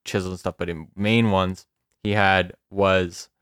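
Male podcast co-host, low resonant voice, dry close mic, relaxed storyteller. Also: smooth, no room sound. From Canada. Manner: laughing, swearing storyteller, slows down for suspense. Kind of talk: casual storytelling chat.

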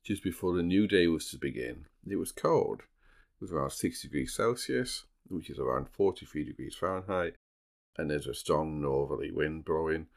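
Very deep-voiced man hosting a podcast. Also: expressive, normal speed, creaky. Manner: teasing, dry humour. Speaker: podcast host. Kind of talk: true crime podcast storytelling with casual banter.

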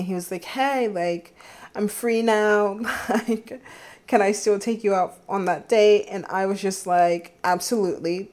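A podcast host in her twenties, from the Philadelphia area, speaks at medium pitch on her solo show. She shares a dating story in a giggly, chatty style full of fillers.

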